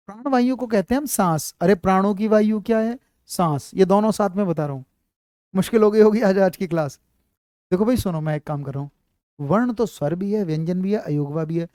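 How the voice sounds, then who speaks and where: Man teaching Hindi letters, dark voice. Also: high-pitched, smooth, no echo, studio quality. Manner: repetitive, checks often that students follow; addresses students fondly as child. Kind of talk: live online class, explaining at a board.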